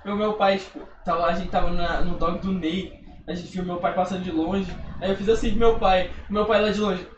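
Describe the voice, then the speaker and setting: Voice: medium pitch, steady tone, fairly quick, lo-fi sound, background noise. A young adult in a casual chat with friends, rambling and hesitant with many fillers, recorded from a distance. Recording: roomy room, distant mic.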